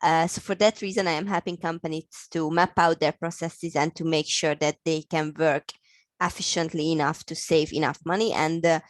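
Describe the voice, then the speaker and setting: A woman's voice: low voice, steady tone, moderate pace, no echo. A woman from Hungary, speaking English with a Hungarian accent, explaining her work in an interview with many fillers and restarts. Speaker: guest, operations consultant. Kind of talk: interview answers.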